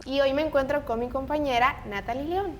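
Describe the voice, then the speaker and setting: A woman's voice: a little fast, music in the background. A woman hosting a casual talk podcast, speaking in an earnest, opinionated way. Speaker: podcast host. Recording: noisy, low rumble behind voice. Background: rumbling background noise.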